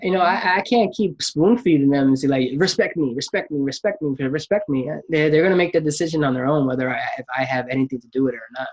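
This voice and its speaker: A podcast host in casual conversation, musing aloud and doubling back on his words. His voice is husky and a little breathy. The recording sounds dull and lo-fi. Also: a little high, racing, hardly any pauses. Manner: reflective, frequent restarts and acted-out quotes.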